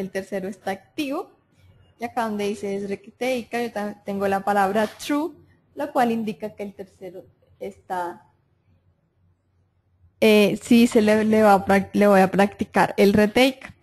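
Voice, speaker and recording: A woman talks through a software tutorial one step at a time. Her voice sits at a mid pitch, and she often pauses to confirm that the listener is following. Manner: step-by-step explaining, frequent "entonces" and "listo", checks with "¿sí?". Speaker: software trainer. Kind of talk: screen-recorded software tutorial.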